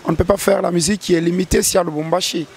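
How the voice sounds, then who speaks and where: Racing along with fairly even intonation, this Congolese gospel singer has a high, creaky voice with a darkish tone. He responds to interview questions with earnest hesitancy, repeatedly restarting sentences.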